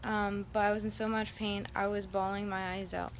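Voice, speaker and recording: A woman's voice: mid-range voice, little pitch movement, moderate pace. A woman talking casually to her vlog audience, recounting a personal experience in a rambling, candid way. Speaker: vlogger. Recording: background room noise.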